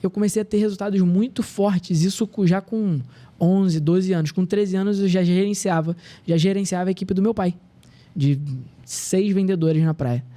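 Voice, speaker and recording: A man's voice: high-pitched, fairly even intonation, normal speed, warm tone. A man in his thirties, a podcast guest, telling earnest personal stories in casual conversation. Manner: earnest, storytelling, reflective.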